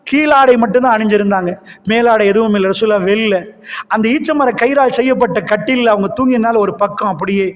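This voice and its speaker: A man preaching a sermon, telling stories with passion and letting his voice climb high as he acts out quotes. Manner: impassioned storytelling, voice rising high when acting out quotes. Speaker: Islamic preacher. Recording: dull audio with long hall reverb.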